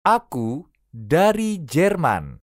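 A language teacher reads short phrases slowly and carefully, repeating each one three times. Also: medium pitch, sing-song, dry recording, studio quality. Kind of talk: reading phrase drills.

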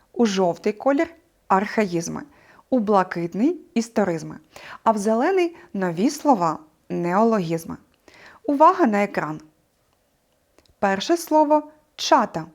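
A woman teacher presents a scripted video lesson in a clear, mid-pitched voice. She explains expressively and keeps turning to the students with rhetorical questions. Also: darkish tone.

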